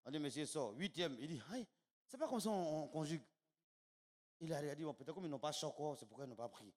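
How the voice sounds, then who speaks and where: A male comedian with an Ivorian French accent tells a joke in animated stand-up style, chuckling along as he talks. His voice sits somewhat high. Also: fast.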